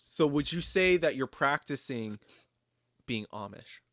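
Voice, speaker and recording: A man moderating a casual gaming podcast, joking in a playful deadpan. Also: mid-range voice, measured pace, no room sound, studio quality. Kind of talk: casual chat.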